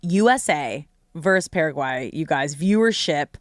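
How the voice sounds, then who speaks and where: An American woman hosts a casual sports talk show. She speaks in a conversational, emphatic way with a slightly low voice, captured dry and close. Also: expressive, a little slow, dry recording. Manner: conversational, emphatic, addresses listeners as you guys. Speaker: sports radio host.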